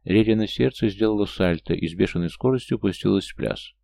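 A man narrating an audiobook with a very low, gravelly voice and a dark, mellow tone. His reading is measured and even, recorded close and dry with no room sound. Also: no room sound. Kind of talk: scripted narration.

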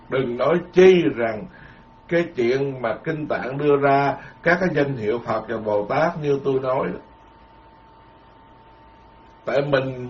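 A man's voice: mid-range voice, a little hiss or hum. A man, a Buddhist monk giving a dharma lecture in a folksy, repetitive, emphatic way, full of proverbs. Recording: dull lo-fi lecture recording.

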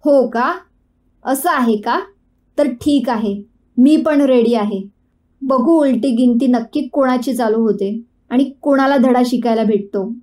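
A fiery young woman snaps back with combative, sharp retorts, as a woman narrator puts her on. The voice is high-pitched yet mellow, in a storybook telling. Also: a little slow, close to an everyday voice. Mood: defiant.

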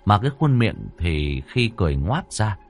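A man narrating a ghost story in a dramatic, expressive way. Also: fairly low pitch, normal speed. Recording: dry close voice over faint music.

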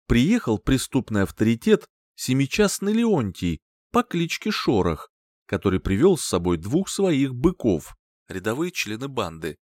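A man's voice: medium pitch, darkish tone, no room sound, clean studio sound. A man narrating an audiobook crime story in a dramatic, storytelling manner.

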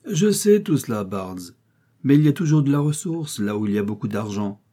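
A testy old gentleman of wealth barks orders and loses patience quickly, as a man reads him aloud. The voice stays dark and mellow, in the manner of a storybook reading. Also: medium pitch, very animated. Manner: commanding and impatient. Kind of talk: audiobook character reading.

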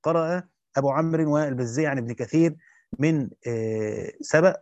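A man reads a classical text at a brisk clip, his voice sitting a little high. He breaks off now and then for short asides to his students. The recording is dry and dull, with a lo-fi sound. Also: darkish tone, no room sound. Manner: quick recitation with brief spoken asides to students. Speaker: teacher reading a Quran commentary. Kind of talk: reading a classical text aloud with commentary.

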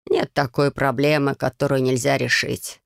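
A woman voicing a fatherly middle-aged husband who speaks slowly and reassuringly. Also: medium pitch, level tone, creaky, fairly bright tone, dry recording, clean studio sound, voice pushed down.

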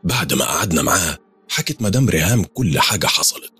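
A man with an Egyptian accent telling a first-person horror story in a brisk, conversational way. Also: sits low, sing-song, pushed and bright, breathy edge, soft background music.

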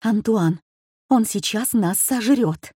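A woman reading a storybook, voicing a terrified young wife who cries out in shrill panic. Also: slow, warm tone, breathy edge, no echo, clean studio sound. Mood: panicked.

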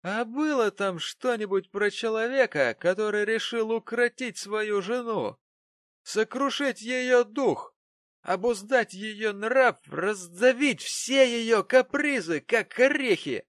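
A man's voice: sits high, measured pace, creaky, a bit bright, no room sound, studio quality, pitched above the performer's own voice, full character voice. A man voicing a cruel, drunken young husband in an audiobook, snarling and contemptuous. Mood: menacing. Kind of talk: audiobook character voice.

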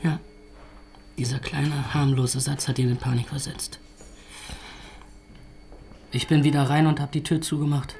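An actor playing a shaken young man who speaks haltingly and quietly in a radio play. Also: mid-range voice, level tone, lightly acted.

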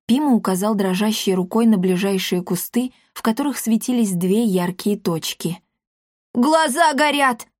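A woman narrating an audiobook in a measured storytelling manner. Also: medium pitch, warm tone, no room sound, studio quality. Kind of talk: scripted narration.

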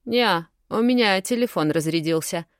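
A woman's voice: medium pitch, slow pace, no echo, studio quality, pitched above the performer's own voice, lightly acted. A woman reading an audiobook, voicing a carefree young female student friend in an easygoing, breezy way. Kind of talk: audiobook character voice.

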